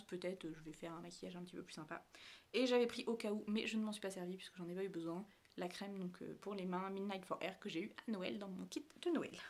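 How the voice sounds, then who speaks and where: A woman's voice: mid-range voice, a little hiss or hum. A woman, chatting casually as a beauty vlogger. Her talk rambles, with many fillers and self-corrections, and she often drops to a near-whisper. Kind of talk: casual chat showing her travel makeup bag.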